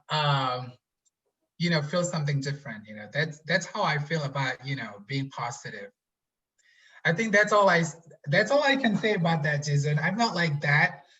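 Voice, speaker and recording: Earnest young man, bright tense voice. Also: fairly high pitch, highs cut off. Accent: American-influenced English. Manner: earnest, reflective, fillers "you know" often. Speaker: guest, PhD student. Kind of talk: casual interview chat.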